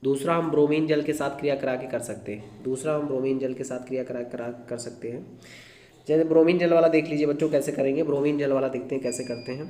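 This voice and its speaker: Hindi chemistry teacher in an echoey room. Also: male voice, mid-range voice, steady tone, mellow. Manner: repeats phrases slowly for note-taking, addresses students as children. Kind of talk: classroom lecture dictating answers.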